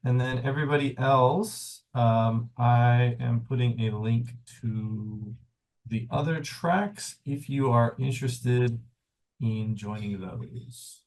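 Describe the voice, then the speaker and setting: A man hosting sessions over a video call, relaxed and joking. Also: medium pitch, slow. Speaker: session host.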